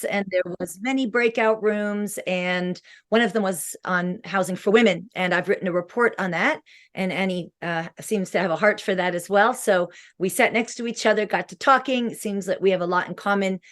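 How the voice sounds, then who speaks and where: A woman hosting an online meeting, introducing a guest hesitantly with many fillers, heard over a video call. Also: on the low side. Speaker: meeting host.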